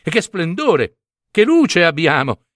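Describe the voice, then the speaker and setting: A man's voice: fairly high pitch, slow pace, no echo, studio quality, exaggerated voice. A man voicing a bunch of boastful matches bragging that they are the most important. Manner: boastful, excited.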